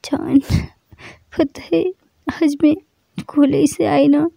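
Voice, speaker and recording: A woman voicing a young female college student who answers haltingly and evasively, in a told love story. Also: sits high, fairly even intonation, vocal fry, dark tone, dry recording. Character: tearful young female college student hiding her distress.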